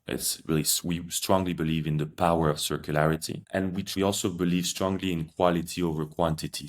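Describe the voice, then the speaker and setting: A young man from Switzerland, a startup founder, answering podcast interview questions in a measured, explanatory way. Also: very deep voice. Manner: measured, explanatory, occasional fillers.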